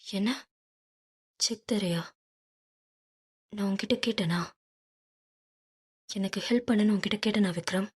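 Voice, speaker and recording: Woman doing a proud young girl in an audiobook, sharp and fed up, breathy voice. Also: medium pitch, steady tone, unhurried, long pauses. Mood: indignant, hurt. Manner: indignant, sharp, wounded. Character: proud young woman, fiercely self-respecting. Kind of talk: audiobook character reading.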